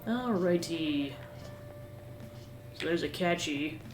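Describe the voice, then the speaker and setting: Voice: mid-range voice, expressive, slow. A person giving playthrough commentary and talking through what to do next in a video game. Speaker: video game player reading dialogue aloud. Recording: roomy echo with game music behind.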